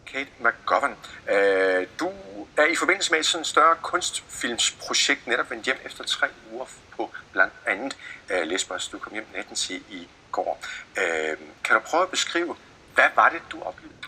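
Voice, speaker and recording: A man introducing a guest and asking questions in a brisk broadcast interview. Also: medium pitch, very animated, bright, forceful tone, a little hiss or hum.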